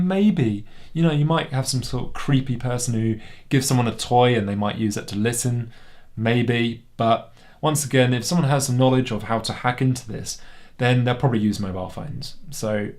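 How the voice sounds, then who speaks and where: Wry British man reviewing a toy. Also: mid-range voice. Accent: British English. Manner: sceptical, wry and conversational. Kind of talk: casual review rant.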